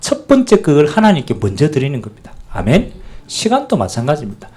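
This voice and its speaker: A man pastor preaching a sermon, animated and calling out to the congregation for amen. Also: fairly high pitch, fairly quick, breathy edge.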